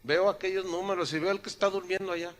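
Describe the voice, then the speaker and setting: Talking fast in a high-pitched, steady voice, an older male pastor gives a sermon in a church sanctuary. He's joking and conversational, peppering the congregation with rhetorical questions, his throat slightly sore, and a little hiss or hum sits on the recording.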